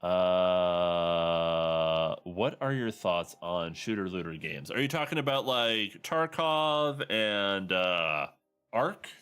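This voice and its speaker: A man's voice: low voice, expressive, slow pace, a bit bright, smooth. A man streaming a video game, informally thinking aloud and talking to his chat. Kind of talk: casual livestream gameplay commentary, talking to chat.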